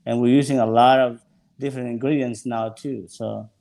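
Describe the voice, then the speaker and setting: A man's voice: mid-range voice, fairly even intonation, moderate pace, creaky, warm tone. A man from El Salvador, a sommelier guest talking casually and searching for his words. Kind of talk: casual interview chat.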